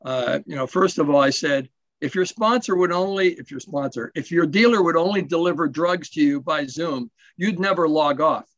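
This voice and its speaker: Late at night from his home in Portugal, a man from Canada's west coast gives a casual personal share as a guest speaker at a recovery symposium held over video call. His talk wanders and pokes fun at himself, packed with fillers and restarts. His voice is slightly high and fairly bright at a moderate pace, recorded dry with the highs cut off.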